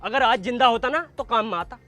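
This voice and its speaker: High-voiced earnest sidekick man. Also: a little fast, bright, forceful tone.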